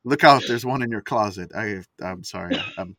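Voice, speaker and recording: A man with a lowish voice hosts a casual sports chat podcast from inside a closet, rambling along at a moderate pace with plenty of fillers. The recording is very noisy, yet dry and close from the closet.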